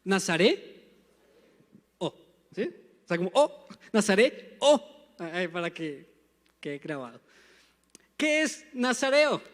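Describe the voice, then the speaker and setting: A young man with a Bogotá Colombian accent preaches from the pulpit, his voice sitting unusually high for a man. He speaks emphatically and calls on the congregation to repeat words back. The sound rings with a long church hall reverb. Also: very animated, takes it slowly, pauses often, fairly bright tone. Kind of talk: sermon. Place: church sanctuary.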